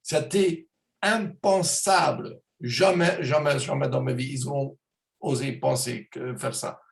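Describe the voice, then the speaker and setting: A man's voice: mid-range voice, takes it slowly, vocal fry, roomy sound. A man leading a conversation with a parent, encouraging and reassuring, who later explains at length that results take time. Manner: encouraging, short enthusiastic replies. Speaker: interviewer and product presenter. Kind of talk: casual conversation.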